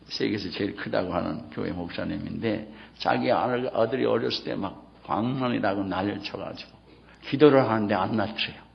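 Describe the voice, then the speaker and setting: Impassioned gravelly middle-aged pastor preaching. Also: male voice, fairly low pitch, brisk. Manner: impassioned, swinging between loud exclamations and hushed near-whispers. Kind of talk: sermon. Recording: dull lo-fi sermon recording.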